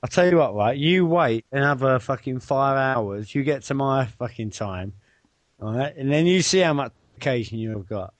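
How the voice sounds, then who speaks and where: A man's voice: mid-range voice, lively intonation, moderate pace, dry recording. A man hosting a live video chat at his computer, rambling and swearing in casual banter.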